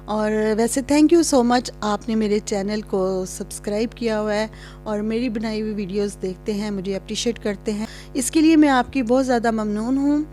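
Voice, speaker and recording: Chatty woman vlogger from pakistan, warm relaxed voice, acts scenes out as she tells them. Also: medium pitch, soft background music. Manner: chatty, reenacts scenes with rising excitement. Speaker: vlogger telling a childhood story. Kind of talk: casual storytelling to camera.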